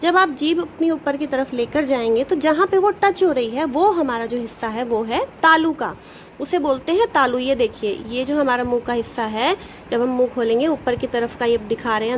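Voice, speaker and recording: A woman teacher with a high voice walks young pupils through a grammar lesson step by step. She asks them questions and answers them herself, drawing out each letter slowly. A faint noise sits under the recording. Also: low-quality recording. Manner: patient, explains step by step, sounds out letters slowly. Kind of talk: Hindi grammar lesson for children.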